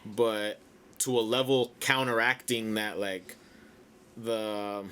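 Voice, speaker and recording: A man's voice: fairly low pitch, steady tone, slow pace, a bit bright, a little hiss or hum. A man from the United States co-hosting a podcast in casual chat, thinking aloud and packing his sentences with "like". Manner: reflective, heavy use of "like" fillers. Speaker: podcast co-host.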